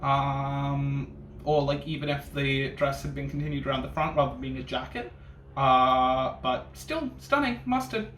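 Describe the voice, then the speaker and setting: A man's voice: medium pitch, completely flat delivery, moderate pace, fairly bright tone. A man giving casual reaction commentary as a reviewer, with a sassy, bitchy drag-queen delivery full of camp slang and swearing. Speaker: reviewer hosting a ranking video. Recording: echoey room with faint noise.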